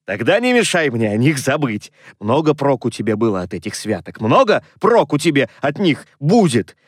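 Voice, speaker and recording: A man's voice: very animated, husky, no room sound, clean studio sound. Scrooge, a grumbling old miser, as a man puts him on. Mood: indignant. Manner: grumbling, scornful, slow and low. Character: miserly, grumpy old male moneylender. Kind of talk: audiobook character reading.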